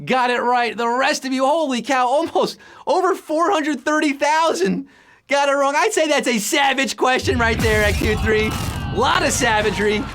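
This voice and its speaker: A man hosting a live trivia game show, reading questions with playful, jokey patter and sudden jumps in pitch. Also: a bit bright.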